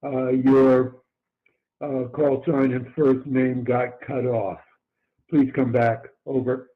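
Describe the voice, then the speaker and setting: A man with a mid-pitched voice hosts an amateur radio net in a polite, halting way. He is heard through a thin, band-limited two-way radio link. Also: level tone, narrow, tinny audio.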